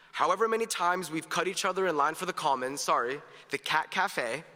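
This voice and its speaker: With a fairly high voice that sounds pushed and bright, a teenage graduation speaker gives an earnest, cheerful speech with jokes. The large hall adds heavy echo and long reverb.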